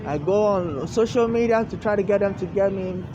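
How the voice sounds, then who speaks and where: A woman from Africa giving a rambling, aggrieved personal monologue, halting and often repeating herself, outdoors in the rain. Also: mid-range voice, lo-fi sound. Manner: repetitive, halting and restarting, aggrieved. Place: outdoors on a city street in the rain. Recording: noisy outdoor street with traffic.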